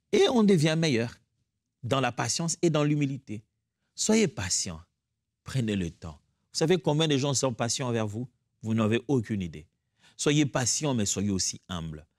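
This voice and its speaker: A man's voice: medium pitch, dry recording. Male Bible teacher, earnest and exhorting, dry close recording. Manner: earnest, exhorting, rising to fervent prayer.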